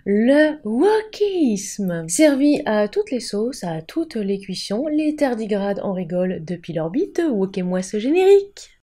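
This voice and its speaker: A woman's voice: mid-range voice, sing-song, normal speed, hardly any pauses, mellow. A woman hosting a casual explainer video, with a playful, theatrical emphasis. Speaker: YouTube host.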